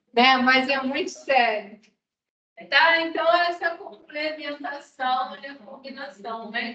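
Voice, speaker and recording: A woman's voice: on the high side, fairly bright tone. A woman teaching a nutrition class, chatting with her students and often checking in with them as she goes. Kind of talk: classroom lecture with anecdotes. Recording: echoey room, distant mic, dull sound.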